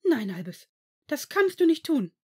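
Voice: medium pitch, brisk, dark tone, pitched above the performer's own voice, natural voice. A reader voicing a worried, pleading female teacher in a fan fiction audiobook. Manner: hesitant, pleading.

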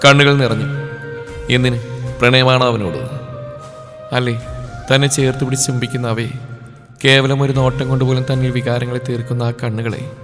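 A man reading a romance story aloud as a storyteller, in an emotive, dramatic way with short pauses between sentences. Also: medium pitch, level tone. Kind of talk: scripted romance story narration. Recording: long reverb over soft background music.

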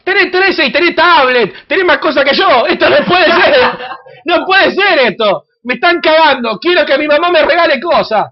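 A host with an Argentine accent, brashly teasing and shouting insults at strangers in a crude comedic video chat. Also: high-pitched, animated, normal speed. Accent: Argentine Spanish. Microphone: computer webcam mic. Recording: dull lo-fi webcam audio with faint hiss.

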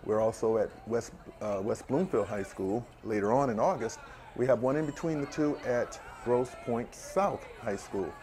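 A middle-aged man, a former player, chatting as a guest on a TV sports show, explaining his views in a measured way with examples. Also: medium pitch, darkish tone. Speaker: guest, former basketball player and camp director. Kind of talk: casual studio chat. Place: TV sports studio set.

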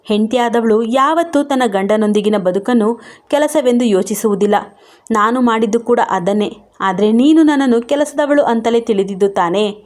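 A proud young wife in a storybook reading, hurt yet defiant, snapping back with bitter, sharp words, voiced by the woman narrator. Her voice sits fairly high. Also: moderate pace, close to an everyday voice. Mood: scornful.

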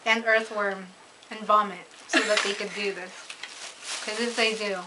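A woman's voice: medium pitch, steady tone, unhurried, background noise. A teenage girl doing a casual taste-test, squeamish and dramatically complaining. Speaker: older sister, co-host.

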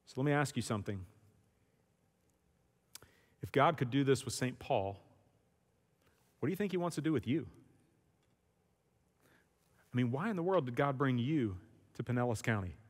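A man pastor giving an emphatic, conversational sermon in a church sanctuary. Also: medium pitch. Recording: long church hall reverb.

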